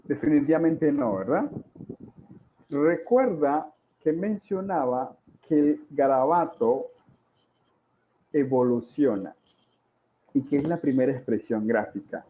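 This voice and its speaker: A man in his forties giving a talk on child development, dramatic and full of rhetorical questions and drawn-out repetitions. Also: a little high, animated. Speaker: parenting educator. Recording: tinny, phone-like sound.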